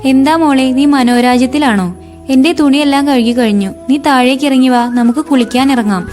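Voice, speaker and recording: A woman's voice: high-pitched, normal speed, darkish tone, soft background music, lightly acted. A woman voicing a young woman, an older sister, wronged and grieving, speaking earnestly in a spoken story. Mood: gentle.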